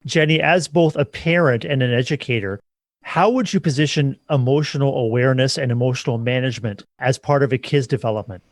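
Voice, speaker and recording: A male podcast host asking measured, formal interview questions. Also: mid-range voice, no room sound.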